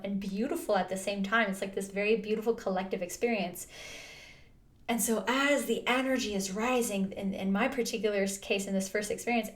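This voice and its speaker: A woman telling a personal story to her viewers in a vlog, earnest and chatty, full of restarts and fillers. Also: medium pitch. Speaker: vlogger. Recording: roomy echo.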